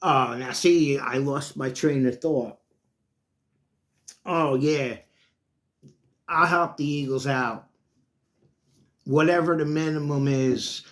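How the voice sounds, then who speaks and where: A man's voice: mid-range voice, slow pace, pauses often. A middle-aged man hosting his own sports talk channel, chatting in a loose, rambling way and calling his listeners folks. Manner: chatty, folksy, drifts between topics, often calls listeners folks. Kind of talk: casual rambling monologue.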